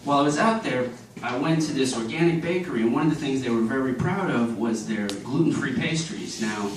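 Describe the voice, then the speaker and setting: Male stand-up comic, deadpan delivery, slightly high voice, recorded from far off in a noisy club. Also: fairly quick. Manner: deadpan one-liners with chuckles. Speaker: stand-up comedian. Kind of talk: stand-up comedy set. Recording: echoey club audio from a distance. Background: audience laughter and room noise.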